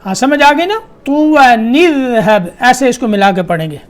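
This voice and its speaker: A man teaching a tajweed lesson. He recites verses in a slow, drawn-out chant and explains the rules in brisk asides. He corrects his students directly and repeats the right reading. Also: very high-pitched, big pitch swings.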